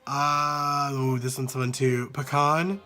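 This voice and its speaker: A man from the American South with a Southern accent, chatting casually and unscripted into a handheld phone, rambling a little and sounding out words deliberately. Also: a little high, fairly bright tone. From Southern United States. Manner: repeats single words slowly to demonstrate pronunciation, rambling. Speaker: vlogger answering an accent challenge. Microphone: handheld phone at arm's length.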